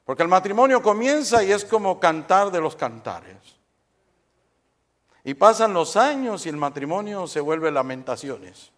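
Joking middle-aged pastor, fairly high. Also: male voice, very animated, a little slow, a bit bright. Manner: joking, quizzes the congregation. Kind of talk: humorous sermon. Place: church service.

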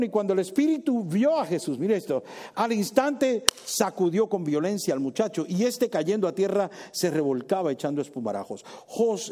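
Animated, high-voiced male preacher. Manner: animated storytelling, switches into English exclamations. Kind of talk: sermon. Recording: reverberant hall.

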